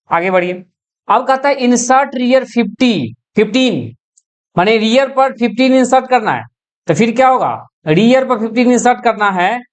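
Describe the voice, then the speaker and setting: A woman teaching an exam-prep computer science lecture, explaining step by step and mixing English technical terms into her speech. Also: a little high. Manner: explains step by step, asks and answers own questions.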